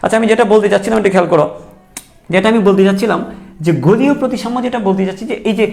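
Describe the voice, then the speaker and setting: Young guy tutoring, high gravelly voice, talks fast and jokes a lot. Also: a little mellow. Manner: chatty, joking, repeats key points. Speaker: teacher. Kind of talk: online exam-prep lecture.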